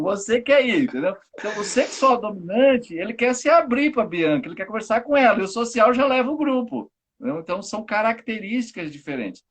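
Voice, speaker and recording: A man talks on a live stream, unpacking ideas for a friendly audience. His voice sits high for a man, and he keeps things casual, bringing his points to life with everyday examples. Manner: lively explainer who acts out everyday examples. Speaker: enneagram teacher, guest.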